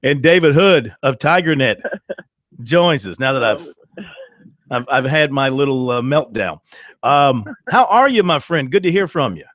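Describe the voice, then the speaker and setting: A man's voice: mid-range voice, expressive, measured pace, a bit bright, no room sound. Sports radio host, thirties man, fired-up opinionated rant, dry studio sound. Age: 30s. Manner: emphatic, ranting, laughs easily. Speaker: sports talk show host.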